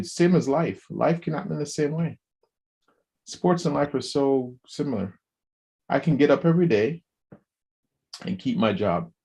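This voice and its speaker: A podcast co-host with a medium-pitched, gravelly, husky voice chats casually and animatedly, frequently restarting sentences, repeating words and acting out the lines he quotes.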